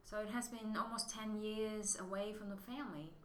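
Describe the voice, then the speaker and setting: Answering casual interview questions as an MBA student guest, a woman from Vietnam speaks at a moderate pace with a steady, fairly bright, medium-pitched voice. She is thoughtful, frequently restarts and phrases things as a non-native English speaker. The room is echoey, with faint noise.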